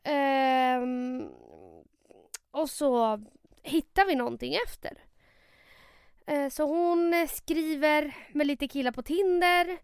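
A young woman with a high voice tells a story on her podcast, quoting people and cursing as she goes. The sound is dry and close to the mic. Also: long pauses, no echo. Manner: animated storytelling, quoting others, swearing, laughing. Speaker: podcast co-host. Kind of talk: casual storytelling chat.

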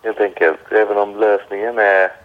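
A man's voice: fairly low pitch, level tone, a little hiss or hum. A middle-aged man from England with an English accent, a caller on speakerphone, answering hesitantly with many fillers. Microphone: phone on speaker. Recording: muffled phone on speakerphone.

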